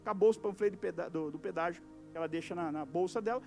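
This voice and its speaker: High-voiced Brazilian pastor preaching animatedly. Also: male voice, fast, soft background music. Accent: Brazilian Portuguese. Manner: animated preaching, acts out little dialogues, swings from loud to soft. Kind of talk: evangelical sermon to a youth service. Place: church service.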